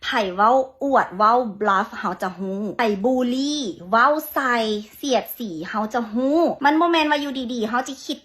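A woman with a Lao accent telling a story in a blunt, animated, mocking way as a vlogger. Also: a little high, normal speed, few pauses. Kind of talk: casual storytelling rant.

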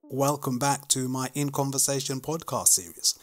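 A man hosting a podcast and asking polite, measured questions. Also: mid-range voice, little pitch movement, soft background music. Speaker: podcast host. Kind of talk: interview hosting.

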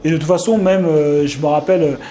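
A young Frenchman telling a casual vlog story, rambling with many fillers and restarts and sudden animated outbursts. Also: a little high, brisk, soft background music. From France. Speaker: vlogger.

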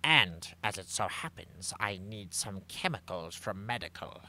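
Man playing Doctor Worm, a very sharp, pompous skeleton schemer. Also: lowish voice, animated, full character voice. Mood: scheming. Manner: pompous, drawn-out villainous delivery. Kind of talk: comedic game roleplay. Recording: noisy mic with hum.

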